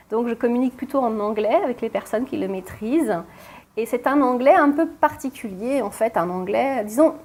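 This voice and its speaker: A woman teaching French in a casual vlog, explaining slowly and clearly, rephrasing and repeating for learners and speaking to them directly with encouragement. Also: on the high side, a little mellow. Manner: encouraging, addresses viewers directly.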